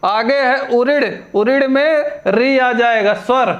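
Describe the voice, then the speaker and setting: A man teaching a spelling lesson for exam prep. He asks quiz questions, answers them himself, and repeats each word deliberately. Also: very high-pitched, lo-fi sound. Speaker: Hindi grammar teacher.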